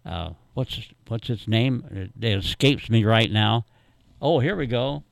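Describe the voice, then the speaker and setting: A man in his eighties hosts a radio call-in show, reminiscing and chatting with callers in a halting, rambling, easygoing way, chuckling as he tells stories. His mid-range voice carries vocal fry, and there's noise in the background.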